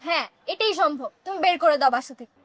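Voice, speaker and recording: A fed-up daughter, super high, fast, dry sound. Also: female voice, fairly bright tone, no room sound. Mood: indignant. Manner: indignant, complaining. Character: fed-up hot-headed young daughter. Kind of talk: TV drama acting.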